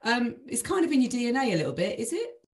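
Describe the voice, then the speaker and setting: A woman's voice: on the high side, very animated, quick pace. A woman hosting a casual conversation, asking questions and chatting along informally. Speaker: host.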